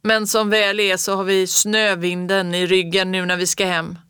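A woman voicing a kindly old rural grandfather who talks slowly and plainly. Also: medium pitch, little pitch movement, a bit bright, clean tone, no room sound, clean studio sound, lightly acted. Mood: gentle. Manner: slow, homely, plain-spoken.

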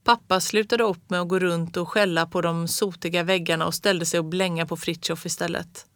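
A calm, even storyteller reading a children's book aloud. The pitch sits in a middle range. The recording is dry, with no room sound. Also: no room sound. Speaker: narrator.

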